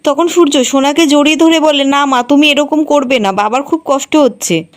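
A woman's voice: high voice, normal speed. A woman retelling a television serial episode as a story, reading every character's lines herself in a plain storytelling voice. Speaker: serial recap narrator. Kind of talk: scripted storytelling recap.

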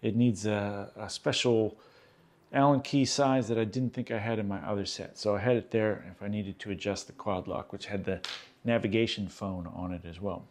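A man in his fifties from Australia, hosting a casual gear vlog and chatting in a relaxed way with lots of "uh"s, recorded at a table in a small room. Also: fairly low pitch, normal speed. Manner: relaxed, chatty, many "uh" fillers. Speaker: host. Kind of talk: casual show-and-tell vlog.

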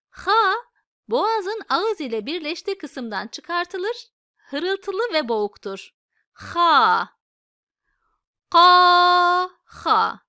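A woman teaching letter pronunciation in a patient, step-by-step lesson, calling out each sound slowly and loudly before explaining it. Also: sits high, dry recording, clean studio sound. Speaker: Quran alphabet teacher. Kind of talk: slow pronunciation lesson with drills.

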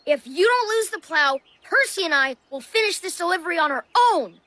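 A woman's voice: extremely high pitch, lively intonation, brisk, no room sound, heavily acted. A woman voicing a grumpy, fussy male diesel engine in a cartoon, complaining and irritated. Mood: annoyed. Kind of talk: cartoon voice acting. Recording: studio cartoon audio with loud music.

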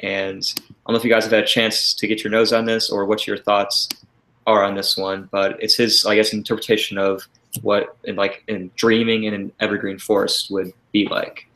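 A low-pitched man hosts a livestream in easygoing chat. He is loose and talkative, laughing often and leaning on filler words. His voice carries a noticeable echo, as if from an open room. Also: moderate pace. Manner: relaxed, chatty, frequent laughter and filler words. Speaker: livestream co-host. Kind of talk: casual chat. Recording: roomy echo.

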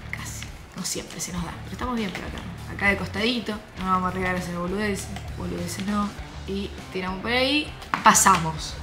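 A young woman with an Argentine accent, commenting on her own gameplay, muttering softly while she plays and breaking into high shrieks. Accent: Argentine Spanish. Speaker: gaming YouTuber.

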